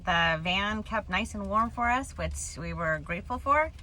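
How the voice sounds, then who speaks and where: A woman's voice: mid-range voice, normal speed, low-quality recording. A woman chatting casually for a travel vlog inside a camper van, repeating herself for emphasis. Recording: steady noise, vehicle ambience, hail outside. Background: vehicle ambience and hail.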